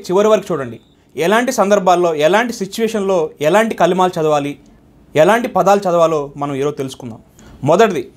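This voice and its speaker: A man giving an instructional religious talk, going briskly through a numbered list of points. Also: high voice. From India. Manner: brisk, listing points in order. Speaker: religious teacher.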